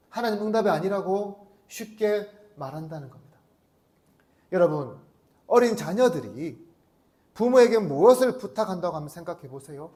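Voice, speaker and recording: A man with a notably high voice preaches a Sunday sermon. He keeps turning to the congregation with rhetorical questions. Now and then he acts out a short prayer or exchange without leaving his own voice. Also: a little mellow. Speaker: pastor.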